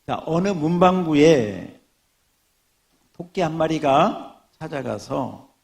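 A man's voice: mid-range voice, creaky. A middle-aged male pastor preaching a sermon, joking with the congregation and telling funny stories. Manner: joking, animated storytelling.

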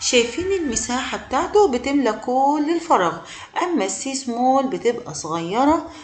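A woman with an Egyptian Arabic accent teaching beginner English. She speaks patiently and repeats each word slowly for learners. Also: high voice, animated, echoey room, slight background noise. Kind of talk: beginner language lesson.

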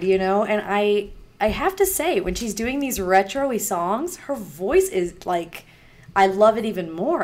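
A woman in her thirties, a music reaction vlogger, chats casually and rambles to camera about a song she's reacting to, filling her talk with many fillers. Her medium-pitched voice is a little mellow but raspy from singer's nodules. She records on a webcam in a small room at home while wearing headphones.

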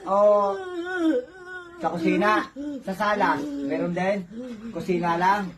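Commanding faith healer, distant and crowded. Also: male voice, high voice, slow, crowd noise. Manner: commanding, repeats questions insistently. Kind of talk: exorcism session. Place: home healing session.

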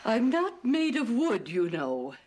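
Fussy old nun. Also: female voice, fairly high pitch, huge pitch swings, darkish tone, a little hiss or hum, heavily acted. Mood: scolding. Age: older. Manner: complaining, scolding, slow. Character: cranky elderly nun, demanding and fussy. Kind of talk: film drama acting.

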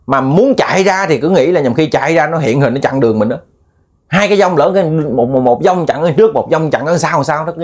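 A man with a Southern Vietnamese accent tells a ghost story in casual, chatty spoken style, repeating himself and calling his listeners family. His voice sits on the high side with a darkish tone.

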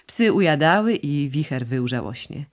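A woman narrating a classic novel as an audiobook, reading with expressive, varied intonation. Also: low-pitched, moderate pace. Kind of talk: scripted literary narration.

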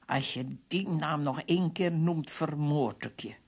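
A woman's voice: sits low, measured pace, gravelly, darkish tone, breathy edge, exaggerated voice. A woman voicing a brutal male police captain who barks threats and orders. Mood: menacing. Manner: harsh, barking threats.

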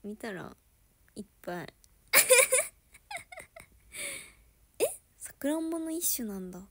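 A woman chatting casually with viewers on a livestream, giggling often and sometimes dropping to a soft murmur. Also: very high-pitched, wildly swooping pitch, slow pace.

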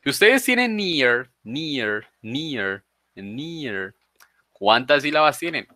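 A man teaches an online class, patiently breaking grammar rules into small steps. His voice is bright and sharp, and the sound is dry and close with no room around it. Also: medium pitch, sing-song, takes it slowly, no room sound. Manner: patient, explains step by step.

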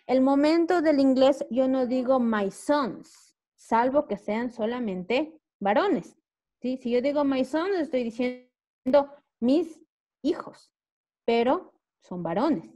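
A woman's voice: a little high, mellow, low-quality recording. A woman whose first language is Spanish, teaching English in an online class over a video call. She talks with a Spanish accent, switches between English and Spanish and keeps checking with "okay?". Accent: Spanish-speaking.

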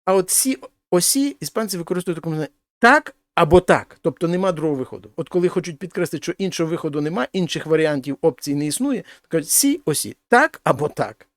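A man's voice: a little high, animated, very fast, a little mellow, no echo. Man teaching a lesson in a dry, close sound. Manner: explains step by step, translating each example. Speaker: Spanish teacher. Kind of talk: explaining grammar in a lesson.

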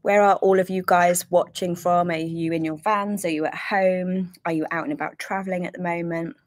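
Low-voiced chatty woman. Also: steady tone, moderate pace, dry recording. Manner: chatty, rambling, apologetic. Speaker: livestream co-host. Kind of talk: casual livestream chat. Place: inside a camper van.

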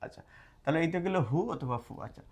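A man's voice: a little high, rapid-fire. A man teaching casually at a board, explaining step by step and checking in often with his listeners. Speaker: language teacher. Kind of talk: casual spoken lesson at a board. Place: indoors, classroom or study room at a board. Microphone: camera mic while writing on a board.

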